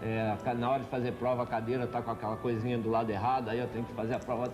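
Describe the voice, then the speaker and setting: A man's voice: medium pitch, level tone, rapid-fire. A man, speaking thoughtfully in a documentary interview. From Minas Gerais, Brazil. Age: 40s. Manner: reflective, thoughtful. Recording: music playing underneath.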